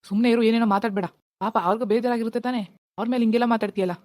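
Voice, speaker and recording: A woman voicing a calm relative in a cartoon who urges the others to accept fate. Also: on the high side, rapid-fire, no room sound, clean studio sound, close to an everyday voice. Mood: scolding. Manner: soothing, then firmly scolding. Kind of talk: animated cartoon voice acting.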